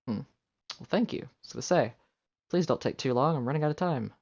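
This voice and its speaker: Over video game music, a man with a medium-pitched, slightly mellow voice gives casual live commentary on the game he's streaming. He's expressive and quick, chatting and muttering to himself as he plays.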